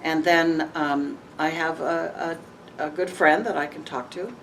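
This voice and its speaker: A woman's voice: sits low, fairly even intonation, measured pace, a bit bright. A woman being interviewed, talking frankly and with animation, laughing now and then. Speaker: interview guest. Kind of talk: candid conversational interview. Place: event venue with audience tables. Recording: distant mic with faint noise.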